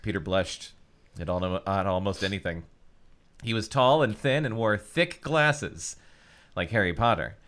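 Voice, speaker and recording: Lively man reading aloud. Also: lowish voice, unhurried. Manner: joking, laughs often. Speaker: podcast co-host. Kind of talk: casual chat and reading aloud.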